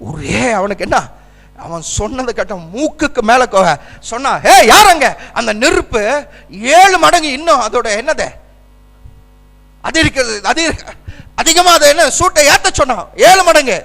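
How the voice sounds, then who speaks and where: Male pastor preaching hard in a church, really high bright voice, calling for amens, big reverb. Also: big pitch swings, normal speed, creaky. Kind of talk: sermon.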